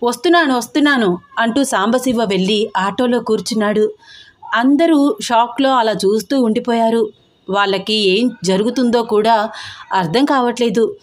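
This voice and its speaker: Woman storyteller, higher voice. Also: measured pace. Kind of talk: scripted narration.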